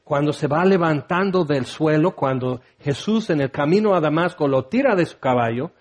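A man preaching a sermon with dramatic swings between raised passages and hushed ones. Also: a little high, animated, moderate pace.

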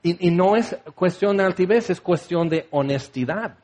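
A man preaching a sermon, lively and animated, acting out quoted voices as he goes. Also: sits high, moderate pace.

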